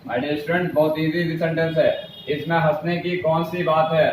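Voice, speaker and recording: A man teaching an English lesson in a fairly high voice. He goes over each sentence slowly and more than once, moving between Hindi and English. The room is echoey, with a faint hum of noise behind him. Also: little pitch movement.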